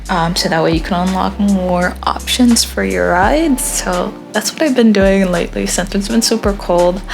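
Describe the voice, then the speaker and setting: A young woman talks through a drawing session in a loose, rambling way, full of ums and asides. Her voice sits at an ordinary pitch for a woman, and faint music plays softly behind her. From born in Haiti, grew up in Florida. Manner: rambling, relaxed, frequent ums. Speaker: artist vlogger. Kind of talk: casual voice-over chat while drawing.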